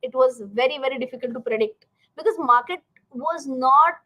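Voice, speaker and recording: A woman's voice: sits high, normal speed. A woman with an Indian accent hosting a live-streamed lesson, speaking emphatically to her learners and often posing questions she answers herself. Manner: animated, emphatic, asks and answers own questions; addresses learners directly, checks in with "right" and "okay". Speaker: finance teacher and live stream host. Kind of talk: live stream lesson, chatty explanation to viewers.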